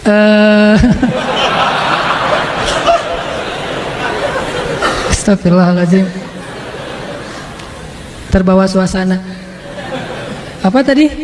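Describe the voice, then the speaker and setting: A man's voice: very high-pitched, in a large hall, background noise. A male Islamic preacher telling a sermon story in a casual, humorous, colloquial way. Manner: lively, humorous, colloquial, with frequent laughs and restarts.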